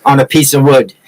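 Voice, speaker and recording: His voice is mid-range and a bit bright, heard on a rough recording with a little hiss or hum. A Massachusetts man in his sixties, no regional accent, he hosts a woodcarving livestream where he jokes, rambles and casually teases viewers.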